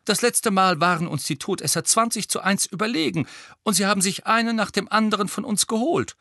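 A man as a calm, steady comforting wizard. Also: high-pitched, fairly quick, dry recording, studio quality, voice pushed up, full character voice. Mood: firm reassuring. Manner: gentle but resolute, soothing.

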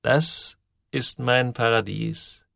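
A man voicing a grown male musician, speaking slowly and drawn out. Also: creaky, a bit bright, no echo, clean studio sound, heavily acted. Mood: dreamy. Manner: slow, drawn out, low. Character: gruff adult male musician Kringström.

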